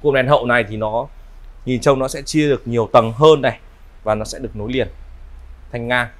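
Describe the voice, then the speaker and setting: A man in his thirties with a northern Vietnamese accent gives an unscripted used-car sales walkaround in smooth, polite, repetitive patter. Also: mid-range voice, fairly even intonation, a little fast. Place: large indoor car showroom. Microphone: clip-on lapel mic.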